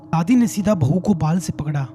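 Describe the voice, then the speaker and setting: High-voiced man narrating a horror story. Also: moderate pace, mellow, soft background music. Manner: dramatic, suspenseful.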